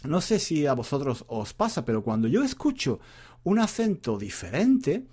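Speaking at normal speed with a breathy edge, this Spanish teacher and podcaster delivers a casual lesson monologue. His pitch swings up and down as he meanders, chatty and rambling. He keeps repeating himself and looping back to earlier words, like an informal spoken class.

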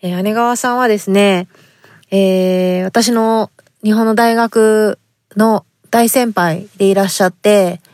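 A woman's voice: medium pitch, steady tone, takes it slowly, darkish tone, no echo. Woman podcast host from Fukuoka, Japan, mid-range voice, polite and chatty, dry close mic. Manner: polite and chatty, with frequent fillers. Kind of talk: casual podcast talk reading listener letters.

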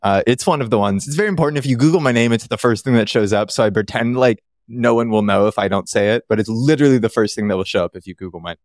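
A man's voice: on the low side, rapid-fire, hardly any pauses, darkish tone, no room sound, clean studio sound. A man from Canada chatting as a podcast guest, rambling and joking at his own expense. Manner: rambling, self-deprecating, jokey. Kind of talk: casual chat.

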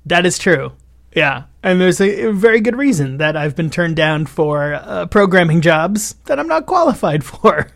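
A man co-hosting a podcast in casual chat, telling rambling, animated stories and laughing often. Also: high voice, normal speed, gravelly, no echo, clean studio sound. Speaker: podcast co-host.

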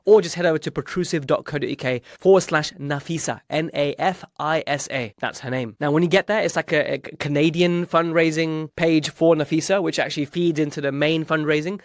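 A man with a slightly high voice talks very quickly as a podcast host. His delivery is chatty, informal and enthusiastic, and the recording is dry and close. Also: fairly even intonation, no room sound.

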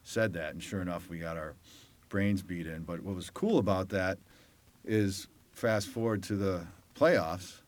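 A man with a fairly low voice recounts his playing days as an interview guest. He tells it with energy, acting out the coach, the crowd and the rival in his own voice. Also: a little slow. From Detroit, Michigan. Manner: animated storyteller who acts out quoted voices. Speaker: guest, former lacrosse player. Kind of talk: conversational storytelling.

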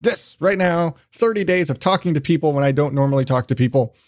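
A podcast host with a slightly high, slightly mellow voice talks a little fast in a casual, rambling interview chat. His remarks are jokey, self-deprecating, and profane, and the studio-quality recording has no room sound.

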